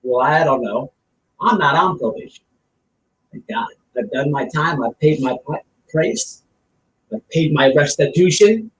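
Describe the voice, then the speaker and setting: Unhurried and a bit bright, a somewhat high male voice with lively intonation carries an online streamer's commentary. His style is blunt, casual, and opinionated, with emphatic repetition and examples, captured by a distant mic in a roomy space with faint noise.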